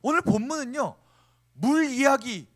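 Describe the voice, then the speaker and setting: A male pastor preaching to a youth congregation with a strikingly high voice. His pitch swings widely as he talks, and he slips into playful acted-out quotes between points. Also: measured pace. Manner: animated, acts out quoted speech, playful asides. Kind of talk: sermon.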